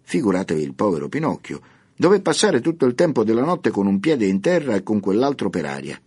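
A man narrating a classic children's tale with expressive, lively storytelling intonation. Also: fairly low pitch, fairly quick, husky.

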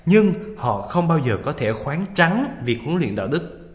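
A man's voice: fairly high pitch, big pitch swings, normal speed, roomy sound, long reverb tail. A man co-hosting a religious talk show, teasing his partner playfully and reading passages aloud. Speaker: co-host.

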